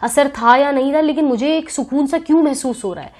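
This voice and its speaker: A woman answering interview questions in an earnest, thoughtful way, pausing often and mixing English words into her speech. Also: high-pitched, a little mellow. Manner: earnest, thoughtful, talks at length, with frequent pauses. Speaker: interview guest. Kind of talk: reflective interview conversation.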